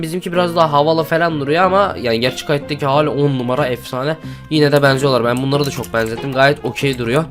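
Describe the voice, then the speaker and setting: A man hosting Minecraft gameplay commentary, excitable and constantly addressing his viewers. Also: medium pitch. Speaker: gaming channel host.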